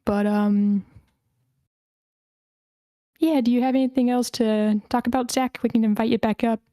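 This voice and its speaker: This woman runs an online screenplay table read as a relaxed, informal meeting, talking at normal speed in a smooth, clear voice on the high side. She's mellow, slightly hesitant and accommodating with participants. The close mic on the online voice call gives dry, close audio with no room sound.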